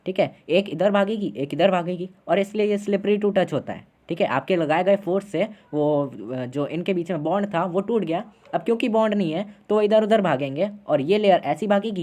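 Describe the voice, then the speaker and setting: A man lecturing to students in an online class. His voice is warm and mellow rather than bright. He keeps the explanation chatty and informal, pausing often to check that everyone is keeping up. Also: high voice. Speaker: teacher.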